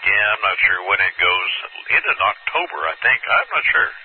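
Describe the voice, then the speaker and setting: A man's voice: on the low side, big pitch swings, moderate pace, slightly rough. A man chatting casually as an amateur radio operator, easygoing, folksy and rambling. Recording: phone-like two-way radio with noise.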